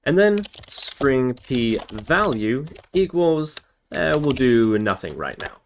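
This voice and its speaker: Speaking slowly in a sing-song, mid-range voice, a man leads a relaxed coding screencast, reasoning out loud at every step as he types. He's a programming instructor, and hiss, keystrokes and mouse clicks fill the background.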